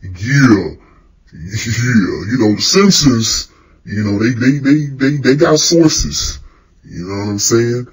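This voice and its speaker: A man playing a cocky, slangy secret-society boss in a comedy skit, leaving a rambling, casual voicemail in a husky voice. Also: medium pitch, animated, takes it slowly, rough recording. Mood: teasing, chummy.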